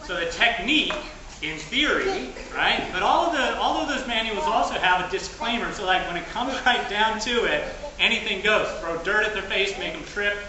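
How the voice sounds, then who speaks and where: A man's voice: high-pitched, lively intonation, normal speed, crowd noise. A man giving a live, instructional demonstration as a fight director, talking to an audience and a partner while physically active. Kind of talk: live stage combat demonstration. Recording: echoey, noisy space, distant mic.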